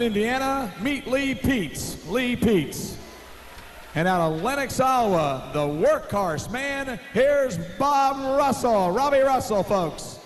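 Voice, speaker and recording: An American man working as an arena announcer, introducing competitors in a rousing, projected voice with drawn-out names. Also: very high voice. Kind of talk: driver introductions at a tractor pull show. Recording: noisy live arena PA recording.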